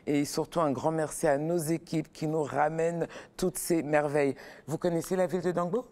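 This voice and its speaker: A woman's voice: low voice, fairly even intonation, normal speed, darkish tone. Upbeat woman TV presenter. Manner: upbeat, chatty. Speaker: TV magazine host. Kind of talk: lively studio presenting.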